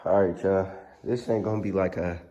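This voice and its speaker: A man with a hoarse, fairly low voice talks casually as a car vlog host. His delivery is laid-back and slangy, with little rise and fall in pitch, and he sounds under the weather. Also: fairly even intonation, moderate pace, warm tone, highs cut off. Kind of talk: casual workshop vlog talk. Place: car workshop.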